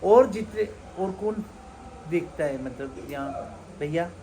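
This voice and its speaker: A man's voice: a little high, lively intonation, slow pace, dark tone. Earnest man preaching over background noise. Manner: earnest, exhorting, repeats points. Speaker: spiritual teacher. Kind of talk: devotional talk at a religious gathering. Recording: noisy live recording with ambience.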